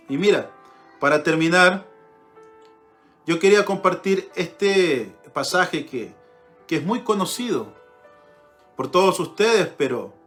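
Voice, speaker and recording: A man's voice: sits high, fairly bright tone. A man preaching a sermon, earnest, repeating phrases for emphasis and reading scripture aloud.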